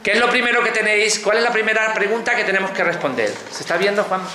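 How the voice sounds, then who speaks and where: This phonology lecturer, who has an Andalusian Spanish accent, speaks quickly in a high, sharp voice. He explains as he goes and often checks that the class is following, and the classroom echoes with faint background noise.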